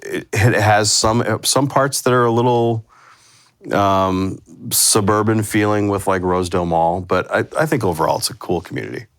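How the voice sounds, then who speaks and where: A man from Minnesota with a fairly low voice, chatting as a podcast guest. He tells his stories in a dry, relaxed way, with easy pauses and fillers. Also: no echo. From Minnesota, USA. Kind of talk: casual chat.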